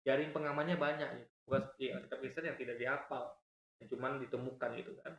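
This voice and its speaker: A man giving argumentative reaction commentary, explaining points over and over and swinging his pitch up and down as he talks. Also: steady tone, rapid-fire, a bit bright, reverberant.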